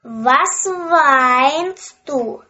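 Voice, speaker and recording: A woman voicing a small, patient talking frog in a fairy tale, speaking slowly in a raised voice. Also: high-pitched, lively intonation, pushed and bright, lo-fi sound, heavily acted. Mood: pleading.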